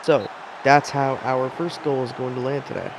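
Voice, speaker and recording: A man's voice: mid-range voice, little pitch movement, normal speed, background noise. A young man giving casual, rambling commentary on a simulated soccer match, with chatty self-deprecating asides.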